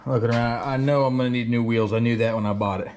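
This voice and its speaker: A man's voice: mid-range voice, steady tone, quick pace, darkish tone, slight background noise. A man casually talking through a job in his woodworking shop, thinking aloud with fillers and the odd curse. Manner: plainspoken, thinks aloud with fillers and mild cursing. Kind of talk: casual workshop vlog narration.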